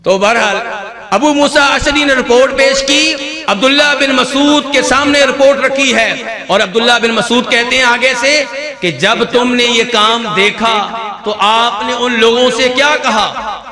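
A male Islamic scholar giving a question-and-answer religious lecture to a live audience, emphatically asking and answering his own rhetorical questions. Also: very high voice. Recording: crowd audible behind the speaker.

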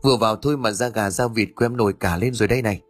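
A man's voice: on the low side, racing, soft background music, close to an everyday voice. A man reading the part of a jittery, easily scared young man who pleads in a whiny, panicky way. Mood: pleading.

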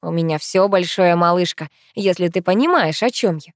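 A woman's voice: on the low side, normal speed, no room sound, clean studio sound, close to an everyday voice. A woman voicing an easygoing, teasing young man who jokes lazily. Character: young man, easygoing joker, donut-eating.

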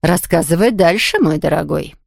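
A woman voicing an elderly, composed female ghost hunter who murmurs softly. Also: on the low side, normal speed, vocal fry, no room sound, studio quality. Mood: calm. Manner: soft murmuring.

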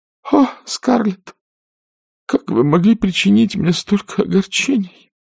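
A man's voice: high voice, lively intonation, normal speed, vocal fry, darkish tone, breathy edge, dry recording, studio quality, voice pushed up, full character voice. A man voicing a fluttery, faint-hearted spinster aunt, moaning and tremulous, as in an audiobook. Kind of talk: audiobook character voice.

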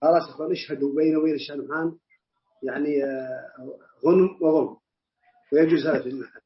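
Male lecturer, brisk and emphatic; fairly high voice, dull recording. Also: steady tone. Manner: quick, emphatic, joking with students. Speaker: sheikh teaching a book. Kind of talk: classroom explanation of a text.

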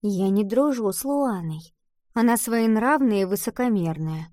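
A woman voicing a shy, earnest young schoolgirl who speaks quietly and hesitantly. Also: mid-range voice, expressive, unhurried, no room sound, clean studio sound, natural voice. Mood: timid.

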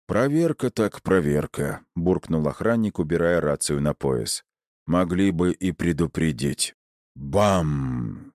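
A man with a very deep voice narrates a first-person audiobook. His storytelling is measured and wry, and the dry, close sound has no room echo around it. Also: a little mellow.

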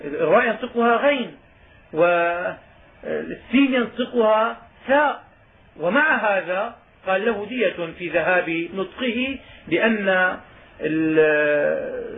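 A man teaching Islamic law, reading lines from a text and then explaining each one in plain speech, with emphasis on key words. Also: sits high. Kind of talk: explaining a legal text in a lesson. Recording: tinny phone-like sound with faint noise.

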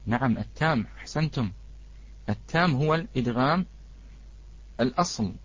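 A man teaching a live online recitation lesson. He greets the students in the chat and draws out each example word slowly. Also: medium pitch, breathy edge, no room sound, muffled recording.

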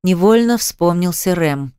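A woman's voice: lowish voice, expressive, measured pace, mellow, smooth, no echo, clean studio sound. A woman reading a novel aloud in the first person, with a tense, wry delivery. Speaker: audiobook narrator.

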